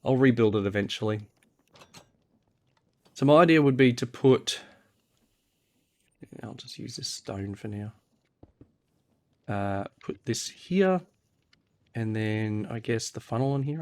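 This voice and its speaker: The host of a gaming series, a man who sounds unwell, gives a casual video game walkthrough while thinking aloud. His mid-range voice is husky, a little nasal, and darkish in tone.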